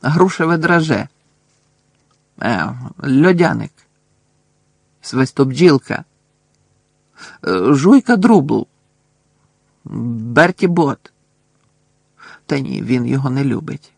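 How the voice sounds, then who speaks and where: A man with a husky, gravelly voice reading a story aloud and playing an impatient, frustrated young teenage boy wizard in an agitated, exasperated way. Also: medium pitch, sing-song, slow, long pauses, dry recording, clean studio sound, heavily acted. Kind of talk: audiobook character voice.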